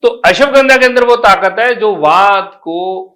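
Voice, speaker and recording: Bright high-voiced male doctor. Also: a little slow. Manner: animated, explanatory, with homely personification. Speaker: Ayurvedic doctor. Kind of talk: explaining health advice in an interview.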